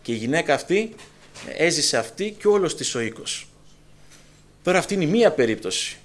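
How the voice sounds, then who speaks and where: A man's voice: on the high side, sing-song. Fiery, dramatic Greek-speaking preacher man. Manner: dramatic, swings from hushed to loud and emphatic; acts out dialogue in quoted voices. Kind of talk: sermon.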